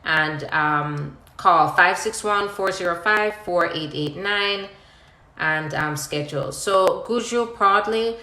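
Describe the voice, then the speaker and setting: On an echoey live stream, a woman attorney reads viewer questions and conversationally breaks down each answer step by step. She speaks slowly, her low voice carrying a sharp edge.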